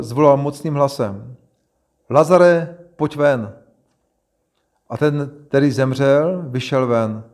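A man's voice: medium pitch, darkish tone. Man preaching on scripture. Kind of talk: Bible reading and sermon.

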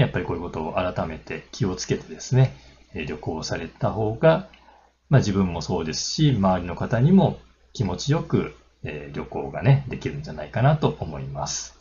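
A man's voice: low voice, lively intonation, a little fast, dark tone, lo-fi sound, slight background noise. A man hosting a travel talk, casually explaining railway trip tips with lots of fillers and friendly tag particles. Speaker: railway travel channel host.

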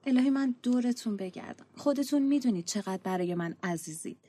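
A woman's voice: fairly high pitch, lively intonation, dark tone. A woman playing a caring mother who coaxes and soothes her family, in a comic radio play. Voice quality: husky, coaxing and affectionate. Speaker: mother in family audio drama.

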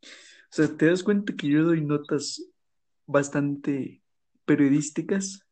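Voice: medium pitch, slow, darkish tone. A person with a Mexican accent, chatting casually as a co-host and teasing a friend. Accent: Mexican Spanish. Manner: teasing, joking. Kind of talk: casual chat.

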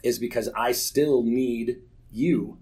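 Slow and darkish in tone, a man's medium-pitched voice carries an honest personal testimony to a church group. He's in his forties, and his stories come with a self-mocking sense of humor and real earnestness.

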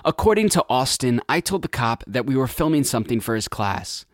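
A man in his twenties narrating a scripted documentary story in a measured, reflective way. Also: medium pitch, sing-song, dry recording, studio quality. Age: 20s. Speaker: narrator and reporter.

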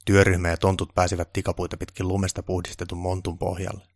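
A man reading a story aloud in calm, scripted narration. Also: low-pitched, vocal fry, no echo, studio quality.

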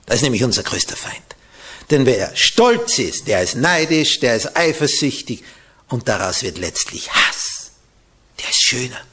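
A man preaching a sermon who turns dramatic, swinging from loud emphatic lines to hushed whispers. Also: medium pitch, breathy edge.

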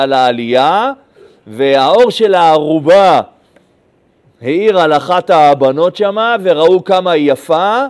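High-voiced rabbi telling a Talmud story. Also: male voice. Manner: animated storyteller, swings between loud and hushed; addresses listeners with questions. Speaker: rabbi teaching a class.

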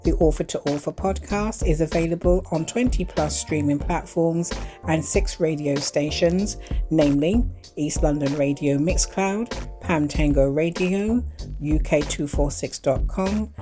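Lowish-voiced woman hosting a podcast. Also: measured pace, music in the background. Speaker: podcast host.

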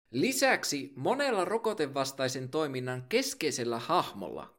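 A man hosting a podcast, delivering a scripted monologue in an animated, emphatic way with playful asides. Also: fairly high pitch. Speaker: podcast host.

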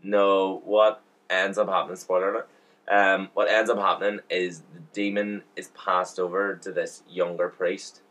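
Man, very deep voice, podcast co-host, casual chat, sweary, animated storyteller. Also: moderate pace.

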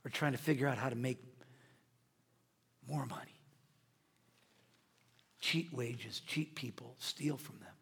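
A man preaching a sermon as pastor, swinging between loud, riled-up delivery and hushed, quiet asides. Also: mid-range voice, slow pace, vocal fry, long pauses, breathy edge. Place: church sanctuary. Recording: long hall reverb.

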